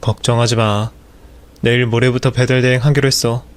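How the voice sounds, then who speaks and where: Man as a lazy unemployed husband, whiny, excuse-making, mid-pitched voice. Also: level tone, a little fast, smooth, lightly acted. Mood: sulky.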